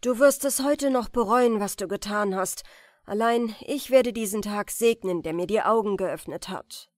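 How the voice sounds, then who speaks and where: A woman's voice: medium pitch, moderate pace, dry recording, clean studio sound, lightly acted. A woman voicing a bitter, spurned young man who speaks coldly and firmly.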